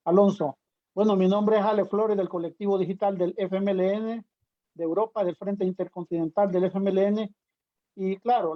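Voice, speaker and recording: A man's voice: high voice, no echo. A man co-hosting an online political talk show, speaking formally with some hesitation. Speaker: co-host. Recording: dry, muffled lo-fi audio.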